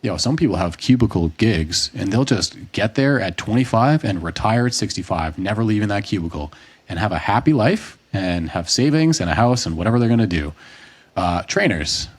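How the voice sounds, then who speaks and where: A man's voice: on the low side, animated, normal speed, slightly rough. A man in his late twenties or thirties, a fitness coach co-hosting a podcast, talking through ideas in long rambling stretches with restarts and the odd curse word. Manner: long rambling explanations, frequent restarts, occasional swearing. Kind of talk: casual podcast discussion.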